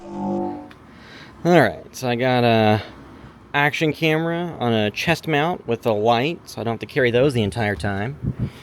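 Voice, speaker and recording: A man's voice: mid-range voice, very animated, unhurried, pauses often, faint music behind. A man acting as a casual, skeptical amateur creature hunter in a found-footage horror film, muttering hesitantly to his camera. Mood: musing, wary. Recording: noisy location sound.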